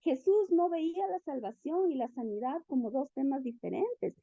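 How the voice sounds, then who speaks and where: A woman preaching a sermon in an animated way, asking the listeners questions and acting out the quotes. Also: high-pitched, moderate pace, creaky, no echo. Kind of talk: sermon teaching. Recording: dull, lo-fi recording.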